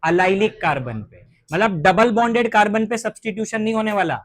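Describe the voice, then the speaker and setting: A man's voice: high-pitched, fairly bright tone. A man delivers a chemistry lecture. He drags out each English term as if dictating it to the class. He keeps asking questions and then answering them himself. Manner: slows to dictate English terms, asks and answers own questions. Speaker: chemistry teacher.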